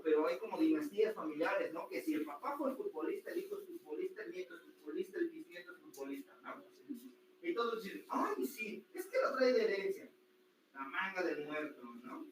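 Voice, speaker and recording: Man, high voice, teaching a classroom, rhetorical questions, distant mic, echoey noisy room. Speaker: anatomy teacher. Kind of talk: classroom lecture.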